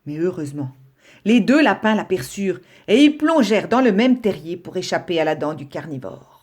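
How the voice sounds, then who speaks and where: A woman teacher reading a children's story aloud with an expressive storytelling delivery. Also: lowish voice, moderate pace.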